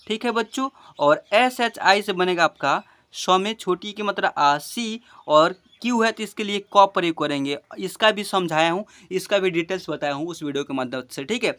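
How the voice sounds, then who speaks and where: A man teaches children to spell, breaking every word into its sounds. His voice sits high and sounds bright and sharp. He often stops to ask whether his students understood. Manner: explains step by step, often asks if students understood.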